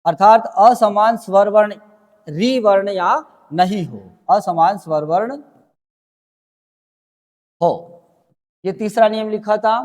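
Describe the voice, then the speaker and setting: A man's voice: high voice, slow, long pauses, a little mellow, in a large hall. A man teaching a grammar lesson, explaining step by step and answering his own questions as he goes.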